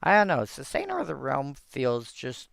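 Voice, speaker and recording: A man's voice: mid-range voice, huge pitch swings, moderate pace, creaky, fairly bright tone, no room sound, clean studio sound. A man hosting a casual solo commentary on old game cards, thinking aloud and rambling with frequent restarts.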